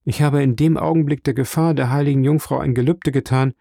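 A man's voice: medium pitch, fairly even intonation, brisk, gravelly, mellow, dry recording, clean studio sound, voice pushed up. A man reading an audiobook, voicing a determined young seaman who speaks in an earnest, confident way.

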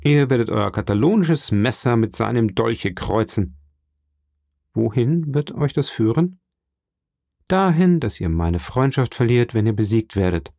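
A man's voice: sing-song, a little slow, vocal fry, warm tone, no echo, clean studio sound. A man reading an audiobook, voicing a poor but proud young woman in a raised, earnest voice. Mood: earnest, pleading. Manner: raised pitch, earnest pleading tone.

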